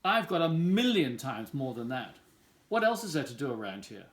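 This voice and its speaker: A man's voice: medium pitch, big pitch swings, moderate pace, echoey room, lightly acted. A man voicing a bossy, boastful young boy in a children's storybook, brash and demanding.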